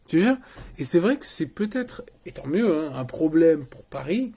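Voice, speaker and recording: A man's voice: on the high side, very animated, moderate pace, mellow, husky. Rambling, sarcastic male football vlogger. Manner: rambling, sarcastic, self-interrupting. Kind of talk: casual football commentary.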